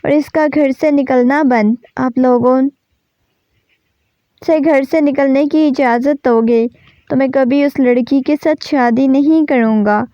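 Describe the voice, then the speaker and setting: A hot-tempered, possessive young man from a romance novel barks orders, as a woman reader voices him. The delivery is mellow and fairly high, on a dry, dull recording. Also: fairly even intonation, dry recording, close to an everyday voice. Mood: angry. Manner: shouting, commanding.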